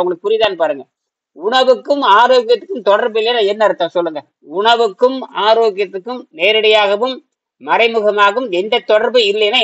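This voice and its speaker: A high-pitched man holds forth to a small group on natural healing, blunt and repetitive, firing questions at his listeners. The recording is dull and lo-fi. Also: a bit bright. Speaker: naturopathy teacher. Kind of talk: informal group lesson.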